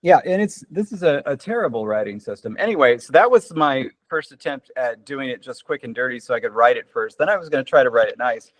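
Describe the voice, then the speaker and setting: A man's voice: mid-range voice, expressive, fast, few pauses, no echo. An American man talking casually over a video call with a dry, close sound. He rambles and laughs at himself, filling gaps with "um" and "like". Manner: rambling, self-deprecating, with many fillers. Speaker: conlang relay participant.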